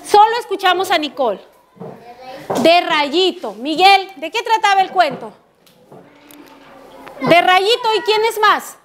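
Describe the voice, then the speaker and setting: Animated high-voiced woman teacher. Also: slight background noise. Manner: animated, slow, sing-song storyteller. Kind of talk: storytelling and questioning to children. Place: rural school classroom.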